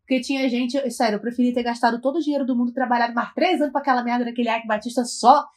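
A Brazilian woman with a Brazilian Portuguese accent telling a personal story in casual chat, animated and dramatic, swearing freely. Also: fairly high pitch, racing.

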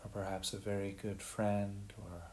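A man leading a guided meditation in a gentle, unhurried way, leaving long pauses. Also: lowish voice, level tone. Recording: faint background hiss.

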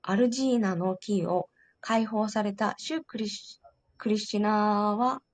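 A woman's voice: mid-range voice, unhurried. A woman carefully and politely reading a devotional story aloud to listeners. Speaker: reader.

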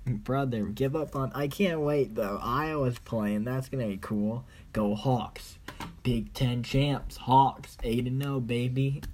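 Brief: man, average pitch, rambling profane vlog monologue, boastful, broken grammar. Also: slow, darkish tone. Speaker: vlogger. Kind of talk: rambling casual monologue to camera.

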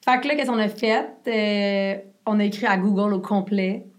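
A young woman with a Québécois French accent, a business co-founder telling her story in a casual interview with a rapid, animated, filler-heavy delivery. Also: mid-range voice.

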